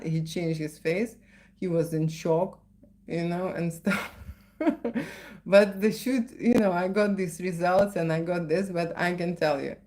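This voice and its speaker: A middle-aged Lithuanian-accented woman, a photographer, chats through a live Q&A in a lowish, slightly mellow voice. She often ends sentences with "okay?" or "right?".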